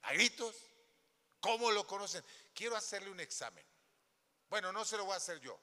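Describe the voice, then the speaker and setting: A man's voice: high voice, animated, moderate pace, sharp tone. A man pastor preaching a sermon in a church, throwing questions at the congregation and acting out little scenes. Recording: long hall reverb.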